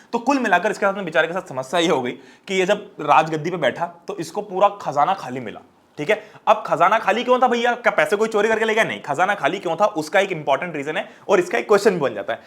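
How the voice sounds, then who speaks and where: A man in his twenties teaches an online class with a lot of energy. He talks quickly in a fairly high voice and speaks straight to his students in a chatty way. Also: fairly bright tone. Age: 20s.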